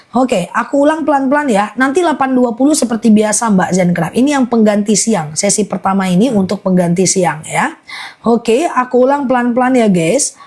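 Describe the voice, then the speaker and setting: A woman running a live-stream sales pitch for honey, chatty and repetitive, rattling off long lists and checking in with viewers. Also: a little mellow.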